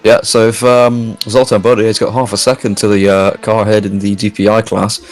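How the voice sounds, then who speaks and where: Brief: male co-commentator, lower voice, dry and teasing. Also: little pitch movement, brisk. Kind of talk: sim racing commentary.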